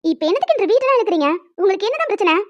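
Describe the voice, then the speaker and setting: A woman voicing a defensive young female college student in an animated story. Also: very high voice, rapid-fire, lo-fi sound. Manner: pleading, defensive.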